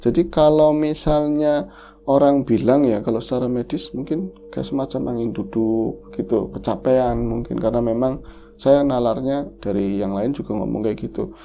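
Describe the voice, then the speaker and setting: A man's voice: mid-range voice, normal speed, vocal fry, mellow, a little hiss or hum. A man hosting a horror podcast, emotionally retelling a listener's tragic story in the first person.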